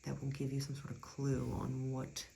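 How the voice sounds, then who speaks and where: A tarot reader talking through a card spread in a chatty, reassuring way, often dropping into soft near-whispers. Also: mid-range voice, completely flat delivery, moderate pace, gravelly, a little hiss or hum, rough recording. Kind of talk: casual tarot reading.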